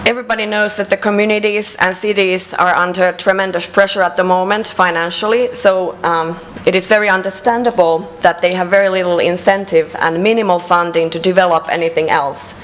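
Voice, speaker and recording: Finnish-accented woman giving a measured talk. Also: lowish voice, fairly even intonation, rough recording. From Finland. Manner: measured, with frequent hesitations and fillers. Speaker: conference speaker. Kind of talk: conference presentation. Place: conference hall.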